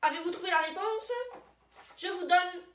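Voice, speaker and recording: A woman playing a chipper quiz co-host who reads questions slowly and deliberately. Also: very high-pitched, fairly bright tone. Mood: playful. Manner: deliberate, slow question reading. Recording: roomy sound, far from the mic.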